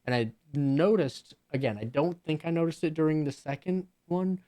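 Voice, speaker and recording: A man's voice: fairly high pitch, normal speed, warm tone. A man streaming live, casually reacting and thinking aloud about what he watches.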